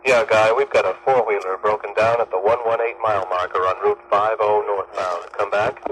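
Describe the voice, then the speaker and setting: A man playing a low-voiced trucker on CB radio. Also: steady tone, fairly quick, poor audio. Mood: plain. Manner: calls in CB lingo. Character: male trucker breaking the channel. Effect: trucker talk over a CB radio. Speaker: motorist calling on the radio. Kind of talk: scripted radio role-play.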